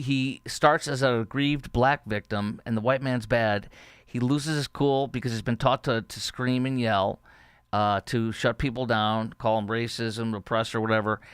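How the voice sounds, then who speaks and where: A man's voice: mid-range voice, clear, resonant tone, dry recording, clean studio sound. A man hosting a podcast, giving indignant, scornful political commentary. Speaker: podcast host.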